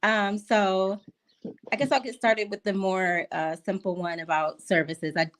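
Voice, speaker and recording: A woman guest on a podcast, explaining her work in a measured, thoughtful way. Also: medium pitch, fairly even intonation. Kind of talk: casual podcast interview.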